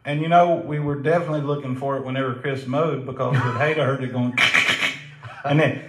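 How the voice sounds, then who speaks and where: A man's voice: mid-range voice, fairly even intonation, fairly quick, reverberant, heavy background noise. A man from South Carolina with a Southern drawl, co-hosting a casual faith talk show, folksy and joking, laughing often. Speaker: co-host.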